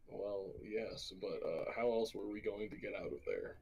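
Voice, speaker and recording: Low-voiced man with dry remarks. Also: normal speed, creaky, a little mellow, muffled recording. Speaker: player. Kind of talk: casual in-character play.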